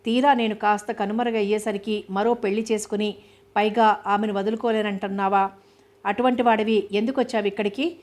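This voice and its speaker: Heated foreign wife in a storybook reading, voiced by a woman, even-toned. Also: medium pitch, fairly quick, lightly acted. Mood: indignant. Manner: heated, accusing. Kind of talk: audiobook novel reading.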